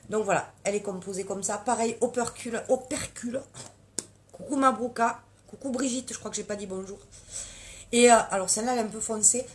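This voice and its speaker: A woman's voice: fairly high pitch, a little hiss or hum. A woman giving a casual live makeup demonstration, chatty and hesitant with many fillers and restarts. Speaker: makeup consultant and seller.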